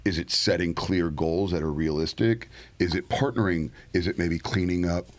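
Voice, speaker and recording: A man hosting an interview, asking questions in a relaxed way. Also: low voice, moderate pace. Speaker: podcast host. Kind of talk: conversational interview.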